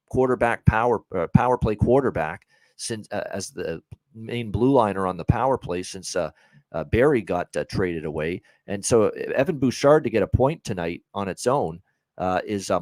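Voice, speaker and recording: A man's voice: fairly low pitch, no room sound, poor audio. A man hosting a sports betting podcast, talking casually through his picks with lots of filler words. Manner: chatty, many "uh" fillers, upbeat picks.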